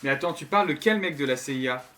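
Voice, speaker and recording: A man's voice: a little high, lively intonation, fast, pushed and bright. A man doing casual, slangy gameplay commentary and talking to his viewers. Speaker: gaming streamer. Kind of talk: casual gameplay commentary, reading game dialogue aloud. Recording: music behind the voice.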